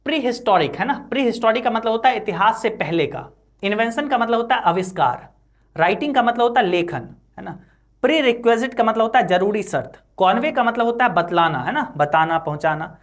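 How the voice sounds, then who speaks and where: A woman's voice: on the high side, lively intonation. Chatty woman teacher explaining line by line. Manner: constant "है ना" and "ठीक है" tag checks; reads English lines slowly, then explains. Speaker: English teacher.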